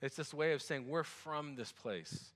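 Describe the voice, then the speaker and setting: A man's voice: fairly high pitch, measured pace, fairly bright tone, in a large hall. A man preaching as a pastor. He reads scripture, prays, then talks to the congregation in a conversational way with restarts and asides. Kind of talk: sermon with scripture reading and prayer.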